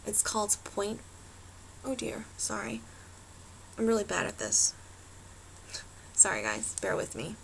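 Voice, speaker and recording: A woman vlogs into her laptop webcam at home with a gravelly, fry-laced voice. She rambles loosely, swears freely and leans on endless fillers. Her pitch sits in a middle range. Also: sing-song, unhurried, long pauses, slight background noise, low-quality recording. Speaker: beauty vlogger. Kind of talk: casual chat to camera.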